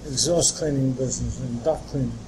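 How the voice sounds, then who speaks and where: A man's voice: mid-range voice, fairly quick. Older man in a noisy room. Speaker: retired business owner being interviewed. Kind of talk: casual chat. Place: community center room.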